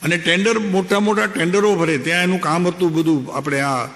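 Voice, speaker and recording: An older spiritual teacher talks in a chatty, story-telling way, often turning to ask his listeners questions. His voice sits a little high for a man, and a long reverb trails behind it through a large hall. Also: steady tone, a little fast, a bit bright. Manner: conversational and anecdotal, questioning the listeners. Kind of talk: spiritual discourse.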